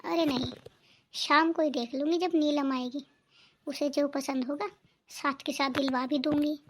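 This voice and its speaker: A woman voicing a very high-pitched scolding mother-in-law. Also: fairly even intonation, unhurried, a little hiss or hum. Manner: scolding, sarcastic. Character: nagging, greedy middle-aged mother-in-law. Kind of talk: cartoon family drama voice-over.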